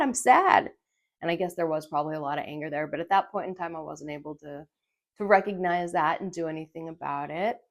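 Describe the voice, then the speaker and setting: A middle-aged woman telling a personal story in a vlog, earnest and emotional, halting with fillers and repeated words. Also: low voice. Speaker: vlogger.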